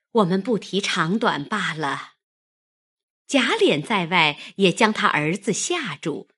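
A woman narrating a classical novel in an unhurried, expressive way. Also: lowish voice, slightly rough.

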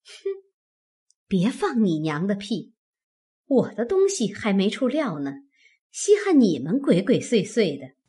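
A man reading an audiobook, voicing a shrewd, sharp-tongued young noblewoman who talks quick and cutting. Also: sits high, very animated, slightly rough, voice pushed up, exaggerated voice. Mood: scornful. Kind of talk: audiobook character voice.

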